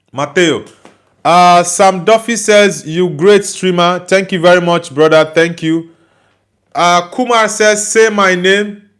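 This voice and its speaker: With a high, fairly bright voice, a young Nigerian man chats casually on his livestream. He reads out the comments from his chat, responds warmly to every one, and keeps urging viewers to like and subscribe.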